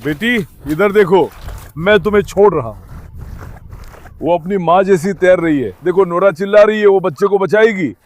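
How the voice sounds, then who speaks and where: A man vlogging outdoors at the sea, calling and coaxing his dogs with pet names in an affectionate way. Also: on the high side. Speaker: dog owner vlogger. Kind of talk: casual vlog talk to pets. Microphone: handheld mic.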